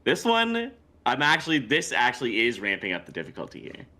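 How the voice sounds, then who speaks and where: A man hosting a relaxed podcast trivia round, with a bright, forceful tone and lively swings in pitch. He teases his guests and laughs easily. The talk is loose and conversational. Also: a little fast. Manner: playful, laughs often. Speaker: podcast host running a trivia game. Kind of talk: casual chat.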